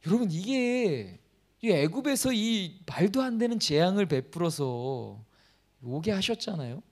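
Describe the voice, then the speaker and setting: A man with a rather high voice delivers a church sermon. He reads scripture in a raised, formal tone, then turns to the congregation with rhetorical questions and light jokes. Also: very animated, unhurried, slightly rough. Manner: chuckles and jokes between points. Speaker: pastor. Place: church service.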